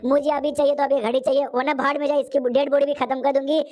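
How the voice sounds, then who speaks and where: A woman's voice: high-pitched, little pitch movement, quick pace, a little mellow, natural voice. A woman voicing a cold, greedy young girl who makes blunt, curt demands in an anime recap.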